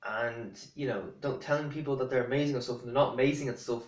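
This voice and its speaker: A man's voice: mid-range voice, fairly even intonation, fast, roomy sound. A man talking casually to camera, rambling and blunt, with many fillers and restarts. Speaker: vlogger.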